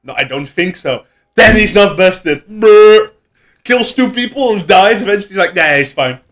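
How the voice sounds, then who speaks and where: A man's voice: sits high, normal speed. A man co-commentating a live esports match, joking and bantering with lots of laughter. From Netherlands.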